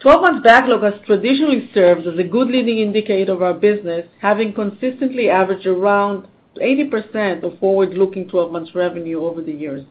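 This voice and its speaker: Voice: fairly quick, few pauses. Stiff executive on a tinny phone line. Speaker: finance executive presenting quarterly results. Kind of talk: scripted earnings call presentation. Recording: narrow phone-line sound, faint rumbling noise.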